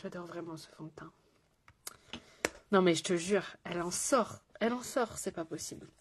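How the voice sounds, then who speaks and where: A woman's voice: fairly low pitch, moderate pace, background noise. A woman with a French accent, a makeup artist chatting casually through a live tutorial, greeting viewers and joking about herself. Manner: chatty, greets viewers, self-mocking asides.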